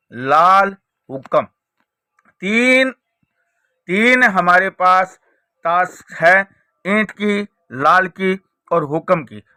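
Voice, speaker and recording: A man's voice: high-pitched, bright, forceful tone, smooth, no echo, studio quality. A man presenting a card trick tutorial, explaining it step by step with repeated rhetorical questions. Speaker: magic trick teacher and presenter.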